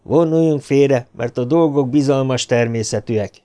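A cool, elegant gentleman in a storybook who gives orders in a calm, measured voice, as a male narrator puts him on. His pitch sits a little above the reader's own, steady and unhurried. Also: clean tone, lightly acted. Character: cool, composed, elegant older man.

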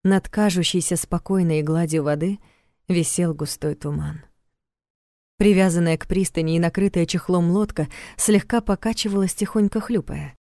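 Low, mellow woman narrating an audiobook. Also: no echo, clean studio sound. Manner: calm, measured storytelling.

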